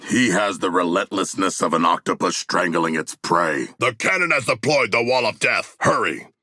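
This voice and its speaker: A man voicing King Shark, a hulking, proud, literal-minded shark-man in a video game, with a deep gravelly voice and stilted, grandiose formal diction. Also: expressive, normal speed, pushed and bright, no echo, clean studio sound, heavily acted. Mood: resolute. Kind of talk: video game character voice lines.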